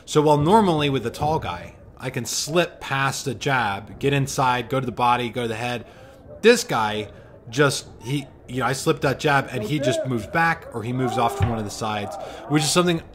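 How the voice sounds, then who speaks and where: A man's voice: mid-range voice, moderate pace, a bit bright, slight background noise. A man in his forties commentating a replay of his own boxing bout, with a joking, self-deprecating play-by-play manner. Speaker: amateur boxer commentating his own fight. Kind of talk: casual fight commentary.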